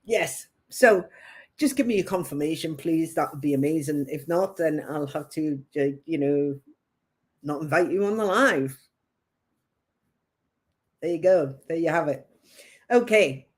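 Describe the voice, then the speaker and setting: This woman speaks low and animated but unhurried, leaving long pauses, while hosting a casual psychic live stream. She has a mild northern English accent tinged with Geordie and rambles chattily, laughing a lot.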